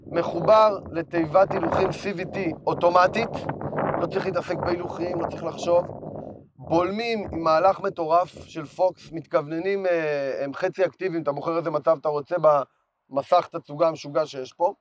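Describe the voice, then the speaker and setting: A hoarse man talking with animated enthusiasm in a casual chat. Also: a little high, slight background noise.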